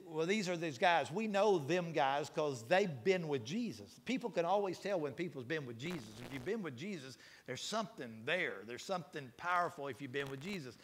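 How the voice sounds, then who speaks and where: Male pastor, middle-aged, folksy sermon delivery, slightly high-pitched, builds to fervor. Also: fairly bright tone. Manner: folksy storytelling with rising preacher intensity.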